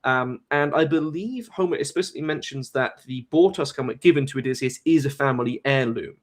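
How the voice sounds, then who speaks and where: A man's voice: medium pitch, a little fast. A young man hosting a casual live-stream discussion, talking in a rambling way with many fillers and restarts. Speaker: host.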